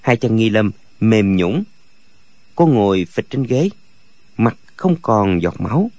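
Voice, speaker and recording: A man reading a martial-arts novel aloud as a narrator, with expressive storytelling. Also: fairly low pitch, slow, no room sound. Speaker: audiobook narrator. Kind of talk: scripted narration.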